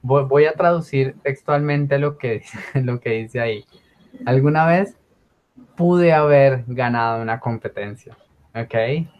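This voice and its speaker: A man's voice: medium pitch, unhurried, darkish tone, lo-fi sound. A man leads an online English lesson. He explains things informally, step by step, and keeps adding small checks for understanding. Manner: frequent check words like okay; switches between English and Spanish. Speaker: English teacher. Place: online class with screen share.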